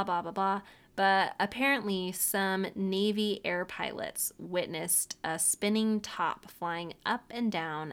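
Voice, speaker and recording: A woman hosting a casual podcast, talking through a documentary in a chatty, animated way. She laughs easily and drops playful asides as she goes. Her voice sits at an ordinary middle pitch. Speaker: podcast host. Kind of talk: casual chat recapping a documentary.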